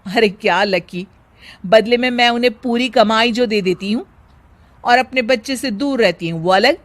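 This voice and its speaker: A woman plays a young working mother and daughter-in-law from a domestic story. Her voice sits high, and she speaks with emphatic, expressive exasperation, like someone overworked and put upon. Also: normal speed, lightly acted. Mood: exasperated, complaining.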